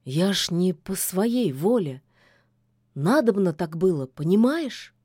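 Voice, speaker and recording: A woman reading aloud puts on an ancient, stubborn male sorcerer from a fairy tale, grumbling in old-fashioned phrases. He sounds lovesick under the gruffness, talks at an unhurried pace, and the sound is close and dry. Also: on the low side, sing-song, darkish tone, no echo, exaggerated voice. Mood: pleading. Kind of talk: fairy-tale audiobook voicing.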